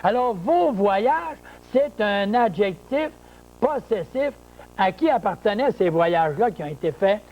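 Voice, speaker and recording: A man teaching a grammar lesson to camera, explaining slowly with repeated words, spelled-out letters and rhetorical questions. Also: sits high, animated, darkish tone, rough recording. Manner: slow, deliberate explaining with many repetitions and rhetorical questions.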